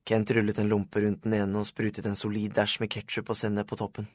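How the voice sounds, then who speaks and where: A man's voice: fairly low pitch, completely flat delivery, no echo. A man reading a first-person children's audiobook in a plain storytelling manner. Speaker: audiobook narrator. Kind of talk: scripted first-person narration.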